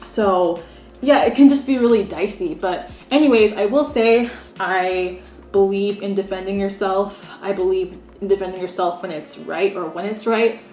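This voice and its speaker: A young woman from the United States talks straight to camera as a beauty vlogger, candid and opinionated. Her voice sits at a middle pitch and her speech is loose, peppered with "like." The sound carries a noticeable room echo. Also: normal speed, a little mellow. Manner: frank, opinionated, conversational with many "like"s. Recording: roomy echo.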